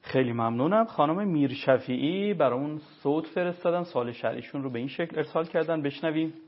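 A man's voice: on the high side, animated, muffled recording. A man hosting a religious question show, politely passing on listeners' questions and pressing with follow-ups. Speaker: host.

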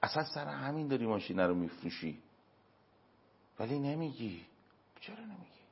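A man answering as an interview guest, giving earnest moral and religious advice through everyday examples, with emphatic pauses. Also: mid-range voice, expressive, gravelly, a little hiss or hum. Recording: dull lo-fi recording.

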